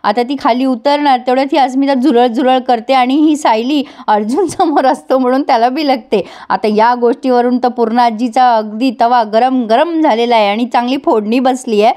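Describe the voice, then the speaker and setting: A woman's voice: on the high side, dark tone. A woman giving a casual, chatty episode recap, talking straight to her viewers. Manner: chatty, addresses viewers, quick laughs. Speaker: serial recap host.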